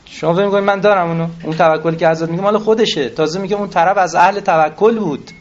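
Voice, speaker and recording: A man giving a religious lecture, reciting scripture and explaining it in everyday speech, asking the audience questions. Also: high-pitched. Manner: self-deprecating, addresses audience with questions. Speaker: cleric lecturer. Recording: dull lo-fi recording.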